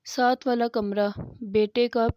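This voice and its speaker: A woman's voice: a little high, fairly even intonation, a little mellow. A woman telling religious stories in a sermon style, fervent and emphatic. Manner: fervent, emphatic, acts out quoted dialogue. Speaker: religious storyteller. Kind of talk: Islamic sermon storytelling.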